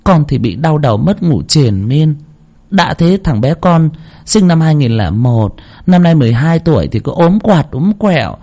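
A man's voice: fairly high pitch, dark tone, voice pushed up, heavily acted. A man voicing a distraught young woman who pleads with a spirit medium, stammering near tears, in a storytelling narration.

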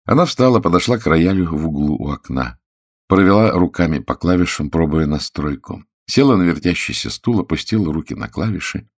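A man reading a novel aloud in measured storytelling narration. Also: low-pitched, lively intonation, dry recording, studio quality. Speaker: audiobook narrator. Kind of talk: scripted narration.

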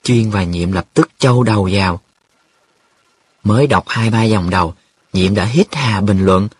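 A man narrating a story in a measured, vivid way. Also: lowish voice, slightly rough. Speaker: audiobook narrator.

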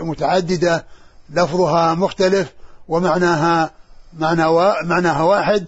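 A man, a sheikh, explaining texts in a scholarly lesson, speaking haltingly with many restarts and repeated syllables. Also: a little high, vocal fry, muffled recording. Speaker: sheikh teaching hadith.

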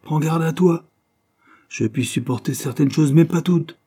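A man reading an audiobook, voicing a bitter, sharp-tongued young man who lies sulking in bed. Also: medium pitch, moderate pace, husky, voice pushed up, lightly acted. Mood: bitter, irritated. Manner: sarcastic, irritated. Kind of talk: audiobook character voice.

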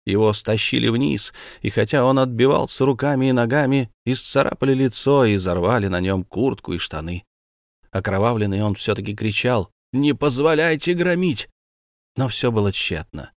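A man narrating a classic novel in a steady, measured audiobook reading. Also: on the low side, dry recording, studio quality.

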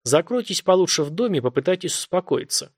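A man voicing a harried police officer working the phones, brisk and firm, trying to reassure callers. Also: sits high, big pitch swings, husky, pitched above the performer's own voice, heavily acted. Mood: pressed. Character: harried male police dispatcher, calm but pressed.

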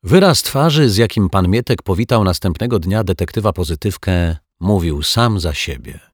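A man narrating a children's detective story in a calm, measured storytelling manner. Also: low-pitched, no room sound, clean studio sound. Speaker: audiobook reader. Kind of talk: scripted narration.

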